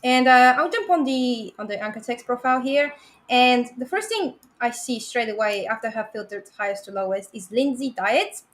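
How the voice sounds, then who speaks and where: A woman presenting a domain review on a live show, upbeat and quick to laugh. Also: fairly high pitch, expressive. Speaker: domain analyst guest. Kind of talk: casual live-stream presentation.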